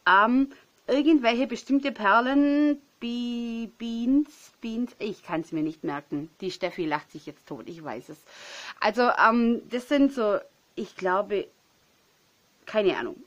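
A woman in her thirties talks through an unboxing of craft gifts at home. She sounds chatty and excitable, gushing over each small item. Her voice sits a little high and she is tired and sniffly from a runny nose. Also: takes it slowly, dull audio. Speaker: crafting vlogger. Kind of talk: casual unboxing chat.

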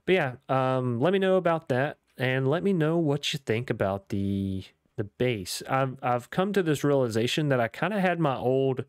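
While playing, this young YouTuber chats cheerfully in casual commentary, his medium-pitched voice slightly worn because he's losing it, and he rambles along with fillers. The audio has studio quality and no echo.

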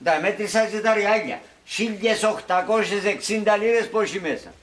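A man's voice: high-pitched, fairly bright tone. An actor playing an easygoing, joking village man with a Cypriot Greek accent in a sitcom. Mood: plain.

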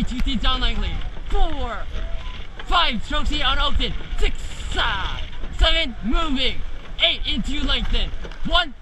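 A teenage male coxswain calling out urgent, clipped, repeated commands to a rowing crew. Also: very high-pitched. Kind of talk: shouted race calls to a rowing crew. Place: outdoors in a racing shell on a lake. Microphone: camera mounted on the boat near the speaker. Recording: action camera outdoors, wind and water noise.

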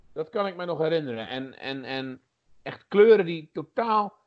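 Rambling man, muffled lo-fi sound. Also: a little high. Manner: rambling, many fillers and restarts. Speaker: podcast co-host. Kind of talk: casual chat about retro games.

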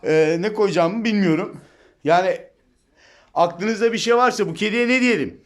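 A man's voice: sits high, normal speed. A man chatting casually to viewers about his cat in a home video, filmed on a phone indoors. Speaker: pet vlogger.

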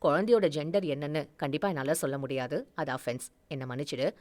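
A woman's voice: low-pitched, darkish tone, pitched below the performer's own voice, natural voice. A woman reading a story aloud voices a strict but kind older female doctor who speaks firmly and scolds. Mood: stern. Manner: firm, scolding, measured.

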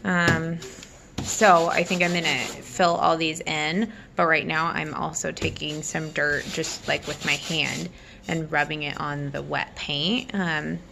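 Chatty woman with a gravelly edge. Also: deep voice, flat delivery, unhurried, noisy background. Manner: chatty, lots of "um" and "like", light laughs. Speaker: DIY crafter. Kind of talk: casual DIY vlog narration. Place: outdoors at a patio table. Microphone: phone held in one hand.

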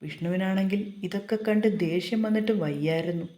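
Low, dark-voiced woman storyteller. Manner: steady, measured reading. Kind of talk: narrating a romance novel. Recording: roomy echo.

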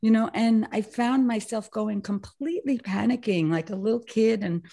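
A woman with a voice on the high side and some vocal fry talks at a moderate pace on a video call. A satsang participant, she shares a personal story with the group, animated and laughing often, with many restarts.

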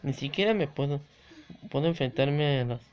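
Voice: mid-range voice, moderate pace, darkish tone. Jugador de videojuegos asustadizo y exclamativo, tono medio, sonido apagado. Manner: jumpy, exclaims and swears at scares. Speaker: gamer playing a visual novel. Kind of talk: let's play commentary. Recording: dull lo-fi recording.

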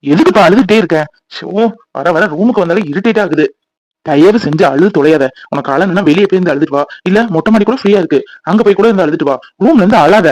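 A playful young husband in a cartoon who teases his wife in a quick, slightly high voice, played by a man. The recording is dry and close. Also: a little mellow, dry recording. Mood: teasing. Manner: mocking, teasing.

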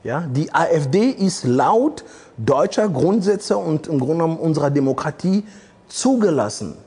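A Congolese man in his forties, a guest in a studio interview on a set with red curtains, talks bluntly and provocatively with frequent hesitations into a lapel mic. His voice is on the high side, animated, darkish, and a bit breathy, at a moderate pace.

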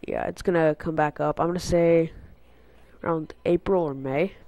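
Slightly high and darkish, this male voice has fairly even intonation and a moderate pace, with a little hiss or hum in the audio. It's a teenage boy with a cold-congested nose, a gaming channel host who casually rambles through an update on an unfamiliar headset mic, filler-heavy and prone to tangents.

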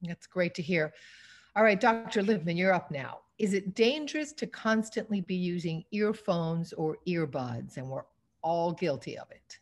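Woman hosting webinar q and a over zoom, lowish voice, upbeat, reads questions. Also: animated. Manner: upbeat and brisk, reading out questions. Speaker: webinar moderator. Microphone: video call.

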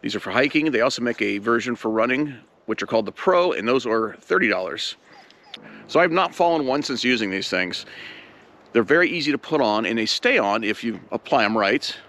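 A man's voice: medium pitch, animated, brisk, a bit bright. A man from Ohio vlogging casually while hiking outdoors on a snowy trail, easygoing and self-deprecating, with frequent filler words.

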